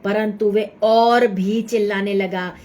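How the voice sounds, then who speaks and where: A woman's voice: mid-range voice, fairly even intonation, takes it slowly, darkish tone. A woman preaching a Hindi sermon with a Hindi accent, dramatic, acting out a beggar's cries and dropping to pleading whispers.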